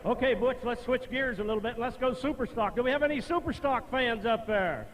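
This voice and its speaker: Male tractor pull announcer, pitched high, talking to the fans live, some background noise. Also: a little fast, fairly bright tone. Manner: addresses the crowd, prompting competitors.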